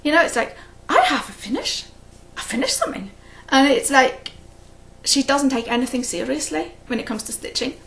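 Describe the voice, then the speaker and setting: A flosstube host who speaks English as her first language rambles casually to the camera during a cross-stitch video, often laughing at her own tales. Her voice sits high and is fairly bright, with lively intonation and a moderate pace.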